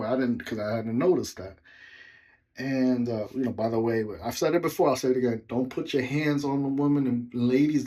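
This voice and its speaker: A man recounts a personal story in a relaxed vlog. He talks loosely and rambles, breaking off to address his viewers before picking the story back up. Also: medium pitch. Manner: rambling, with side remarks to viewers. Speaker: vlogger telling a personal story. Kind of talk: casual storytelling.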